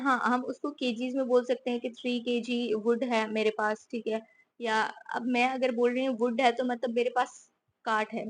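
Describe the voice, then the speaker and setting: This is a woman from Pakistan teaching English grammar in a casual way. Her pitch is fairly high and her tone fairly bright. She leans on repeated "theek hai" and frequent rhetorical questions.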